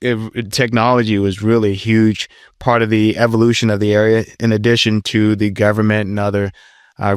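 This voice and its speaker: A man from southern Virginia hosting a podcast interview, asking long, winding questions at a measured pace. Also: on the low side, smooth, no echo, studio quality. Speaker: podcast host. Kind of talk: conversational interview. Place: studio in Washington, DC.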